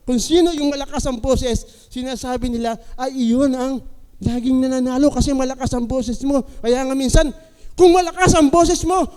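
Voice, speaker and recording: A man's voice: very high-pitched, mellow, clean tone. A man preaching a sermon as pastor, politely asking the congregation questions as he goes. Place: church sanctuary. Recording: long church hall reverb.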